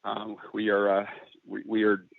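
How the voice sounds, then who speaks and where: A man's voice: lowish voice, completely flat delivery, normal speed, creaky, no room sound. A man speaking as a guest musician in a casual podcast interview, talking earnestly and emotionally, often laughing and restarting his sentences. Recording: tinny phone-like line, dry.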